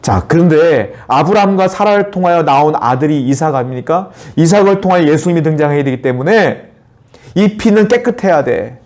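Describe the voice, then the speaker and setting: Korean pastor preaching, slightly high voice. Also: male voice, expressive, fairly quick, darkish tone. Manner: preaching with rhetorical questions and acted-out dialogue. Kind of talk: sermon. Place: church.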